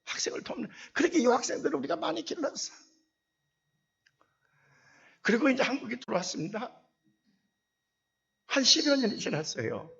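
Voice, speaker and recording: A man's voice: very high-pitched, moderate pace, gravelly, pauses often, husky, dull audio. A man in his seventies preaching a sermon, telling a personal story and acting out the dialogue with rising indignation. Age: 70s. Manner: animated, acts out dialogue, voice swells with indignation. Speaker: pastor.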